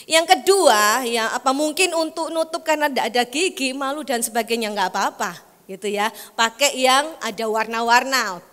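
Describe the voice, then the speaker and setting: A woman delivers a sermon in a loose, conversational way, slipping into the voices of relatives as she tells family stories. Her voice sits somewhat high. The recording carries a long church-hall reverb. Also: moderate pace, a bit bright. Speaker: preacher. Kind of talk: sermon with acted-out family anecdotes.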